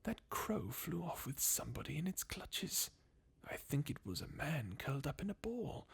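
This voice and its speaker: In an ASMR-like fan redub of video game dialogue, someone gives a full character voice to a jaded, mocking, defeatist undead warrior. The delivery is a breathy, husky, creaky half-whisper at medium pitch and moderate pace, with big pitch swings, weary and sardonic, chuckling bleakly.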